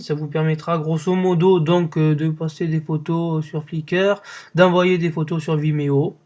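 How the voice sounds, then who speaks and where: Hesitant young French tech podcaster. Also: male voice, on the high side, darkish tone. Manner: hesitant, many fillers and restarts, unimpressed. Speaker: podcast host. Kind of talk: casual tech commentary podcast.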